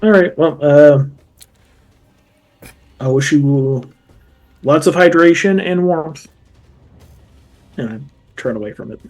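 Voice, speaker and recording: A man's voice: fairly high pitch, slow, long pauses, darkish tone, soft background music. A man chatting casually as a player in a tabletop role-playing game.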